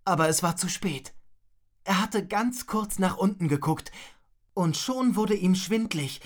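Female storyteller for children, slow and expressive, lower voice. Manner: slow, expressive reading with many character voices.

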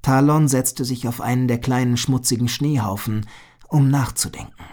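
A man reading a children's adventure story aloud as narrator, slowly and expressively. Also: mid-range voice, a little mellow.

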